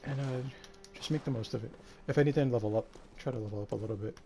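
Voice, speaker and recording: A man streaming a game live, tired and a bit out of breath, talking in a relaxed, rambling way with lots of fillers. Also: medium pitch, fast, over music. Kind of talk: casual live-stream commentary.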